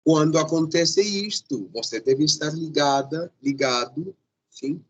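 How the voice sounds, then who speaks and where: Slow, husky-voiced male teacher. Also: a little high, dull audio. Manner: patient, checks in often with a questioning "sim?". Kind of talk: grammar lesson.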